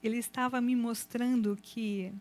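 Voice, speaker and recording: Animated woman sharing testimony. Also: fairly high pitch, a little slow, soft background music. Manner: animated, expressive storytelling. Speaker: guest giving testimony. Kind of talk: emotional church testimony. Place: church event.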